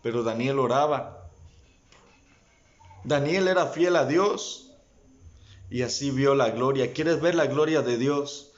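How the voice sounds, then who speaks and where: A man's voice: mid-range voice, slow pace, pauses often. A man preaching a sermon, speaking straight to his listeners and rising in fervor. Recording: dull lo-fi sound.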